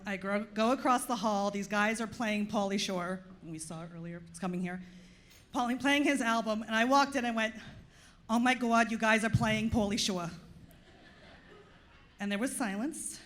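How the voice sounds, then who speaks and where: A woman from Long Island, New York, performs a stand-up comedy set on a club stage with an audience present. Her voice is medium in pitch and a bit bright, carrying a Long Island accent and dry, self-deprecating humor.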